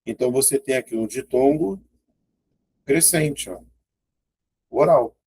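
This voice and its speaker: Brazilian man, grammar teacher, husky and gravelly, laid-back exam-prep style. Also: medium pitch, a little slow, a little mellow. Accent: Brazilian Portuguese. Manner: casual, chatty, keeps pointing things out and checking in with students.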